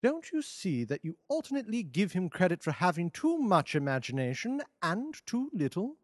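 A man reading an audiobook, voicing a calm, brilliant detective who talks in a measured, lofty, amused way. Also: sits high, no echo, studio quality, pitched above the performer's own voice. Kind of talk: audiobook character voice.

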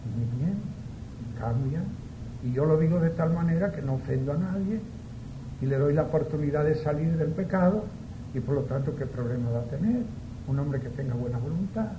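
A man preaches in a large church, his voice ringing with a cathedral echo. He talks unhurried and conversational, dropping little asides to the congregation. Steady background noise sits under the booming reverb. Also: dull audio. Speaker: priest. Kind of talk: Mass reading and homily.

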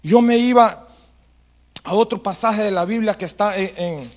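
A man preaching a sermon in a high, light voice. His delivery swings from quiet, confiding storytelling to loud, ringing repeated exhortations. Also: moderate pace. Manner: rises to loud repeated exhortations, then drops to soft storytelling.

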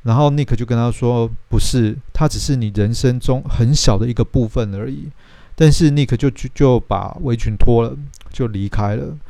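Guy retelling a movie plot, mellow dark voice, dry close sound. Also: mid-range voice, gravelly, no room sound. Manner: chatty, voices the characters' quoted lines. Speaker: host retelling a film plot. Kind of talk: casual storytelling film recap.

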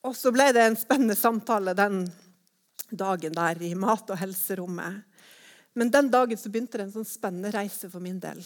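A woman giving a personal testimony, telling her story in a lively way and acting out her own thoughts as quotes. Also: mid-range voice.

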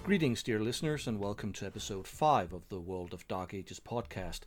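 A man hosting a casual podcast, his voice a little gravelly from a recovering throat. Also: lowish voice, lively intonation, normal speed, faint music behind. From Denmark. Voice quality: slightly gravelly. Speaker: podcast host.

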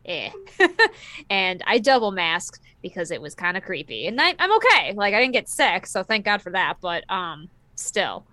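A woman's voice: mid-range voice, bright, forceful tone, no echo. A woman in her late twenties co-hosting a casual podcast chat, laughing often and tripping over her words. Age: 20s. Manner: giggly, stumbling over words. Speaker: podcast co-host.

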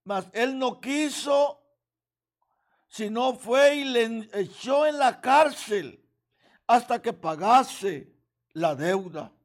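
Slow, high-voiced man preaching. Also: lively intonation. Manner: slow, earnest retelling of a parable. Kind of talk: sermon.

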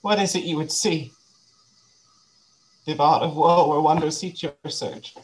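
A man's voice: a little high, fairly even intonation, unhurried, natural voice, rough recording. A man acting a loyal, solemn, grieving friend in a Shakespearean tragedy, recorded with background noise.

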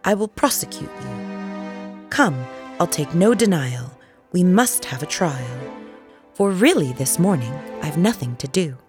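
A woman's voice: low voice, sing-song, a little slow, a little mellow, soft background music. A woman voicing a cunning, bullying old dog in a storybook reading, sly and domineering. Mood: scheming.

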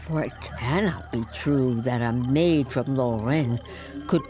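A woman's voice: a bass voice, slow pace. A woman playing a devout young peasant maid, frightened yet defiant, in a solemn, righteous dramatic monologue over music. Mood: righteous defiance.

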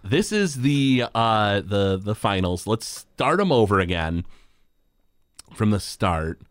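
A male podcast host chatting casually, his pitch rising and falling freely as he talks. He stumbles and restarts his sentences often. The sound is dry and close, with no room around him. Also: sing-song, no room sound. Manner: halting, restarts phrases often.

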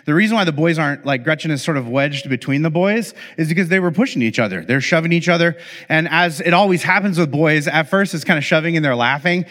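A man's voice: a little high, lively intonation, fast talker, fairly bright tone. A middle-aged man, a pastor, telling a funny family story in a sermon, talking casually with many fillers and restarts. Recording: long hall reverb.

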